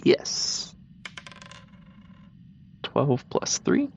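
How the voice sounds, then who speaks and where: A man's voice: very slow, darkish tone, highs cut off, a little hiss or hum. A man playing a comedic tabletop game, cautious and curious, asking the game master one question after another. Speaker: player.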